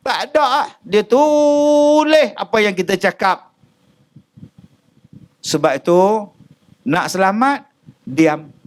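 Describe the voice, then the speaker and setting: A man with a Malaysian Malay accent giving a comic religious lecture to a congregation, acting out quick dialogues between characters. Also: sits high. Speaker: preacher.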